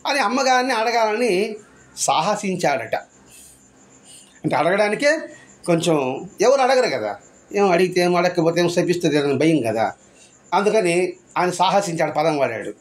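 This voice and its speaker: A man's voice: sits high, expressive, normal speed, long pauses. A man giving a devotional discourse, full of rhetorical questions and repeated phrases. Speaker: spiritual speaker.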